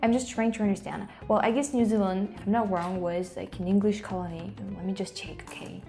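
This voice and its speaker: A young woman with a French accent vlogs casually from a small room, talking to camera a little quickly in a steady, warm, medium-pitched voice while faint music plays behind. She restarts frequently and sometimes drops to a whisper.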